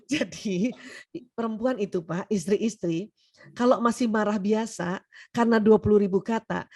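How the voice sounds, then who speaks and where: A woman doctor giving a humorous seminar lecture, lively and teasing, often acting out quoted voices. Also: medium pitch.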